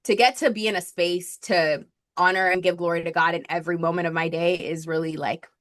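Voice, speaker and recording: A fairly low, steady, fairly bright voice comes from this podcast guest, who speaks fairly quickly. She's a Colombian marketing strategist in her thirties, recounting her story in nonstop chatty talk peppered with fillers and "like."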